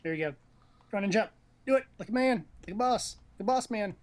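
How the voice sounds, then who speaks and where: A man with a high, brisk voice chats casually while watching a video game, teasing and joking in slangy language. He is a commentator on a video game stream.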